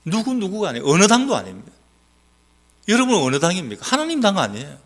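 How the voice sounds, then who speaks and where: A male pastor with a mixed Gyeongsang accent preaching a sermon, teasing the congregation with questions and swinging between loud exhortation and quiet asides. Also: wildly swooping pitch, fast talker. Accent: Gyeongsang Korean, mixed. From South Gyeongsang, Korea. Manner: emphatic, rising to loud exhortation, then dropping low.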